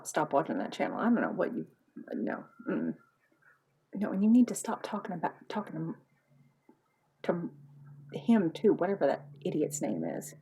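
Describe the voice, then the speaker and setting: Woman playing a gossipy nosy wife, hushed whispers, sudden loud outbursts, mid-pitched. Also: slightly rough, low-quality recording. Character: nosy gossiping wife pestering her husband.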